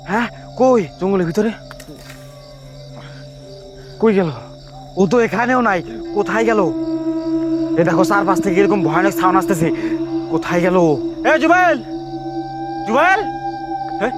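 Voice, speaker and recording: A man's voice: high voice, expressive, moderate pace, long pauses. A man leading a staged ghost search outdoors at night, frantic and repeating his calls over and over. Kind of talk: staged horror search in the dark. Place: outdoors near fields and trees. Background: music.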